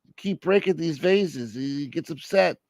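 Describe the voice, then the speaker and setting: A fed-up middle-aged mob son, as a man puts him on in a comedy bit, whining in a strained voice pitched well above his own. The sound is dry and close. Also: measured pace, gravelly, darkish tone, no echo. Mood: exasperated.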